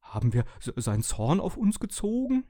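A man's voice: sits high, wildly swooping pitch, moderate pace, dry recording, studio quality, pitched above the performer's own voice. A man voicing a timid electric kettle that whispers its fears in an audiobook. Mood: frightened. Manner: anxious, hushed.

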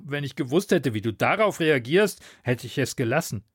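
A man's voice: medium pitch, animated, normal speed, slightly rough, no echo, studio quality. A man doing a laid-back joker buddy. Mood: chummy. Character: joking young male meteorologist, casual buddy.

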